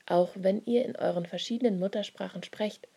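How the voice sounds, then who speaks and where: A woman reading the part of Peter, an excited, long-winded grown man, in a husky, breathy voice. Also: medium pitch, brisk. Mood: eager. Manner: eager, insistent, long-winded.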